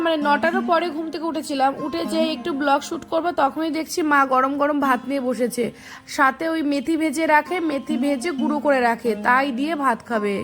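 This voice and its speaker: A middle-aged woman with a hoarse voice, chatting to viewers in a casual home vlog. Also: high voice. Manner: chatty, addresses viewers directly. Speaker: vlogger. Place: family home, in and out of doors.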